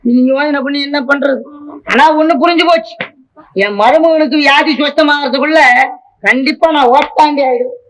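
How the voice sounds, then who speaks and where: Here a harried middle-aged father-in-law in a 1960s film comedy. His voice runs high, and he grumbles in an exasperated, worried way. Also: normal speed, a bit bright, rough recording. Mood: grumbling. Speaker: film actor.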